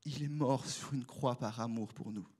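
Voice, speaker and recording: A man's voice: medium pitch, normal speed, husky. A young man with a Swiss French accent preaching a casual, conversational sermon, speaking straight to his listeners. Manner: animated, conversational, addresses the congregation directly.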